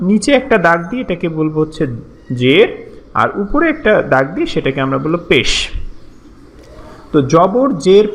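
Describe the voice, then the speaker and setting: A man's voice: high voice, a bit bright. A man teaching a lesson, explaining step by step and patiently repeating syllables for practice.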